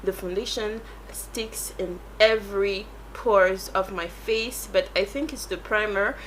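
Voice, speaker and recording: A native French speaker with a French accent chats casually through a makeup tutorial, rambling as she searches for the right English words. The beauty YouTuber has a mid-range voice and a measured pace, and the poor audio carries slight background noise.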